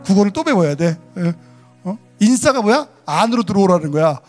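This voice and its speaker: A man preaching a sermon as pastor, lively, acting out short quoted lines in between. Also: high voice, fairly quick, faint music behind. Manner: animated, acting out quoted voices.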